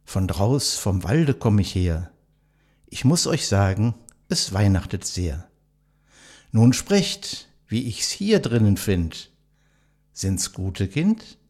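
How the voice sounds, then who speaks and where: A man hosting an audio program for retirement home residents, greeting listeners and reading Christmas poems with slow, expressive intonation. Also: on the low side. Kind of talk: warm spoken introduction and poetry recital.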